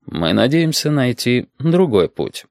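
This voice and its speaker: A man's voice: mid-range voice, vocal fry, no room sound, exaggerated voice. A man voicing a cool, composed male doctor. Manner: cold, calm, measured. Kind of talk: audiobook character voice.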